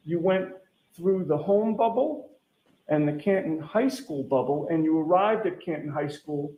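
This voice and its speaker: A man's voice: on the high side, narrow, tinny audio. Echoey male lawyer in cross-examination. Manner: deliberate, detailed, pressing for confirmation. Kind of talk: courtroom cross-examination, leading questions. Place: courtroom. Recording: echoey courtroom sound with faint noise.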